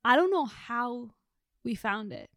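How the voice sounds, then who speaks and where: A woman's voice: a little high, lively intonation, a little slow, no echo, studio quality. A young woman in her twenties chatting casually as co-host, telling a personal story with many fillers. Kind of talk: casual chat.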